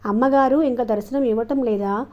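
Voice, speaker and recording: A woman's voice: fairly high pitch, moderate pace, close to an everyday voice. A woman voicing a devout household woman who usually scolds others, speaking in fervent prayer. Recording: dull lo-fi recording.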